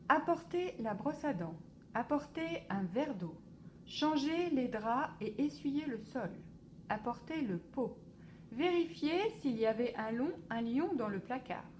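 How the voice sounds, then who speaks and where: Slow, expressive woman reading storybook. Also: on the high side, a little hiss or hum. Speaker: library storyteller. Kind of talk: children's book read aloud.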